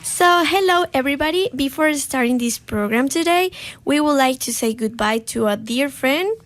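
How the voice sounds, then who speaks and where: A young Costa Rican woman, a native Spanish speaker, hosts a live radio chat in a studio, upbeat but hesitant and full of fillers. Her high-pitched, expressive voice moves at normal speed over faint background music, captured on a studio microphone.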